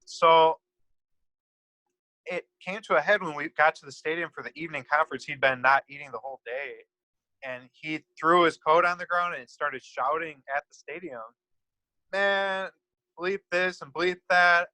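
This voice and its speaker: A man's voice: on the high side, normal speed, sharp tone, dry recording, low-quality recording. A man as an interview guest, telling a personal story in a rambling way with many "so anyways" and "um" fillers.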